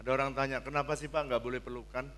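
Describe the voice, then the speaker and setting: An older man preaching a sermon as pastor, blunt and joking, swinging from hushed pleading to loud exclamations. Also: medium pitch, steady tone, rapid-fire, a little hiss or hum. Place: church hall.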